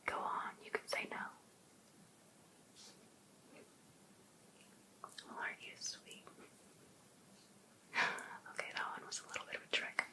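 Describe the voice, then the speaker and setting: An obsessive, sweetly pushy life coach is played by a woman in ASMR, her breathy whisper coaxing and deliberate. Her tone comes across bright and forceful, on a low-quality recording.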